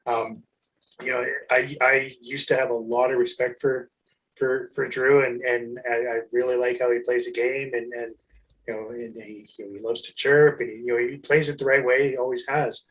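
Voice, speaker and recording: A man's voice: medium pitch, low-quality recording. A man co-hosting a sports podcast, talking casually with frequent restarts and swearing. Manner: animated, swearing, halting restarts. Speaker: podcast co-host.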